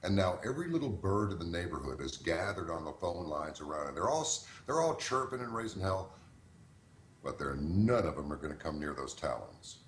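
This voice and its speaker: A middle-aged radio host with a very deep voice tells folksy stories and advice, jumping into other voices to act out callers. He sounds like he's in an echoey room, with a faint hiss behind him. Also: brisk. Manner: folksy, animated storyteller who acts out callers. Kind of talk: conversational advice in an online Q&A.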